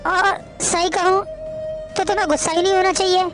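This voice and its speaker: A woman's voice: very high-pitched, level tone, normal speed, a bit bright, faint music behind. A woman playing a principled young wife in a family drama, lecturing her husband earnestly.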